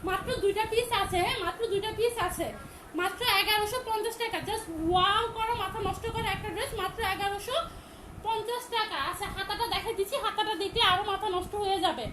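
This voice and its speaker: A woman with a Bangladeshi Bengali accent hosts a live-stream dress sale. Her voice sits very high, and she talks fast and loud, repeating prices and details again and again. A faint hum of background noise sits behind her phone recording. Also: fairly even intonation, poor audio. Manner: loud, repetitive sales pitch. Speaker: online shop seller. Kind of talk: live-stream product selling.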